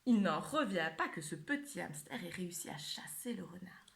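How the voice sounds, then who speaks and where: A woman reading a children's picture book aloud in an expressive, playful way. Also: on the low side, moderate pace, vocal fry. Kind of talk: read-aloud storytelling.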